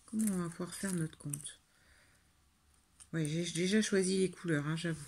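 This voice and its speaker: A woman's voice: lowish voice, moderate pace, a little mellow, a little hiss or hum. A woman from France chatting through a card-making tutorial, rambling and self-deprecating, with lots of fillers. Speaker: crafting tutorial host. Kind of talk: casual talk-through while making a card.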